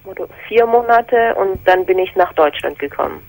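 A woman's voice: mid-range voice, lively intonation, moderate pace, gravelly, a little mellow, no room sound, low-quality recording. A woman in her twenties from Korea, calling a radio show by telephone and speaking hesitantly with frequent fillers. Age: 20s. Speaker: caller.

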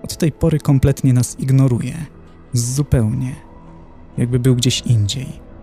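Pompous clinical dignitary of hell, read by a man, formal delivery, gravelly, dark. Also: medium pitch, steady tone, unhurried, faint music behind, close to an everyday voice.

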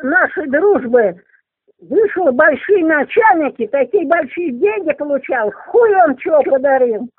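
A foul-mouthed old granny with a high-pitched voice. The woman is irritable and combative, peppering her argument with curses. She comes through a tinny, narrow phone line, very dry. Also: animated, unhurried, dry recording. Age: elderly. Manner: foul-mouthed, cursing freely.

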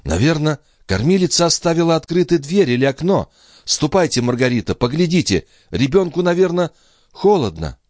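A man voicing a proud, anguished young noble mother in a storybook, raising his voice high and pleading. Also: big pitch swings, normal speed, a little mellow, dry recording, studio quality. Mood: anxious. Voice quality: raised pleading voice.

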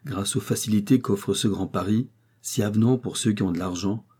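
A man narrating a classic novel as an audiobook in a measured, expressive reading. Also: lowish voice, husky.

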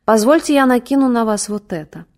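A woman's voice: on the high side, expressive, brisk, darkish tone, close to an everyday voice. Woman reading stern fatherly male doctor, middle-aged, brusque, fussing, storybook. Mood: soothing.

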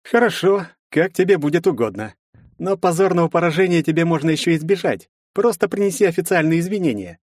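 A man voicing an arrogant, hot-tempered young brawler who shouts threats. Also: a little high, expressive, brisk, dry recording, clean studio sound, pitched above the performer's own voice. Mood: mocking.

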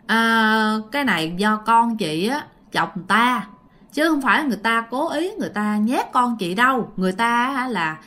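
An easygoing old village healer, calm and reassuring, with a lively voice, as a woman puts him on. He talks quickly and plainly. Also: on the high side. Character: older male village folk healer.

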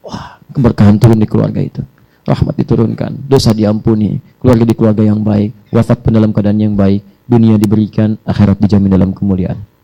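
Brief: emotional male preacher, gravelly voice, lots of repetition and soft murmured prayer. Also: on the low side, level tone, fairly quick, lo-fi sound. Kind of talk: sermon.

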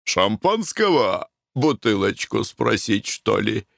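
A man's voice: on the low side, very animated, takes it slowly, gravelly, no echo, clean studio sound, exaggerated voice. A man voicing a cheerful, free-spending merchant in a storybook reading. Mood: boisterous. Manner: boisterous, hearty.

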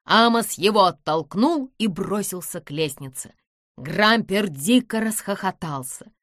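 A woman's voice: mid-range voice, expressive, a little slow, a bit bright. A woman reading an adventure audiobook aloud as scripted narration.

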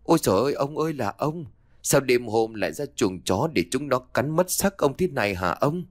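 A man voicing a cruel, scheming middle-aged woman who fakes loud, theatrical wailing over her husband in a storybook tale. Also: lowish voice, very animated, measured pace, dry recording, clean studio sound.

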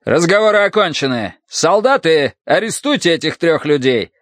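A man's voice: fairly high pitch, big pitch swings, normal speed, a bit bright, no room sound, voice pushed up. A man voicing a haughty male first minister who barks orders to soldiers. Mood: commanding.

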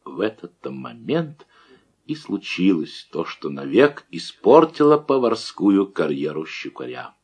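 A man's voice: deep voice, measured pace, vocal fry, husky. A man narrating a literary story expressively and theatrically. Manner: animated, theatrical. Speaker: audiobook narrator.

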